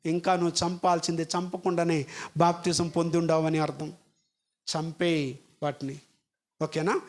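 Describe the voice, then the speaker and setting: A man's voice: on the high side, flat delivery, moderate pace. A male pastor, preaching a sermon and firing rhetorical questions at his congregation in an emphatic, scolding way.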